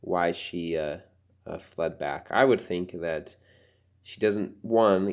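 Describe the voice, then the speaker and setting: A man hosting a scripture-study podcast, talking it through casually, halting and thinking aloud with many fillers in an earnest, reflective way. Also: low voice, a little mellow. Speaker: podcast host teaching scripture.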